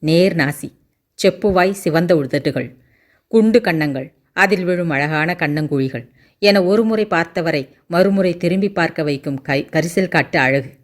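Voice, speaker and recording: A woman narrating a novel in a steady storytelling manner as an audiobook narrator. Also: on the low side, unhurried.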